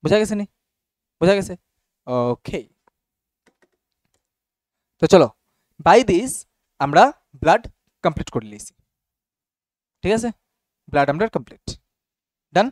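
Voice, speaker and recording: High-voiced male teacher, dry sound. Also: lively intonation, measured pace, pauses often, darkish tone, dry recording. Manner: explains casually, checks understanding often. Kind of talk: classroom biology lesson.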